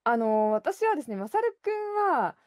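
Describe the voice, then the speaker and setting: A woman guest on a radio talk show, gushing enthusiastically with halting fillers. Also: high voice, big pitch swings, no room sound, studio quality.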